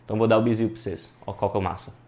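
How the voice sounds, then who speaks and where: A male teacher, giving a lively, slangy exam-prep class and shouting words out loud for emphasis. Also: on the low side, rapid-fire. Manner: lively, slangy, addresses students as "galera"; bursts into loud emphatic shouts when stressing syllables.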